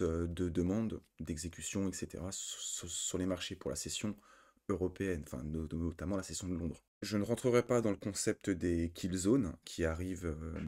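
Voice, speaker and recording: Deep-voiced French man explaining software. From France. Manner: explains step by step with many fillers and self-corrections. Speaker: trading indicator tutor. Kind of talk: screen-recorded software tutorial.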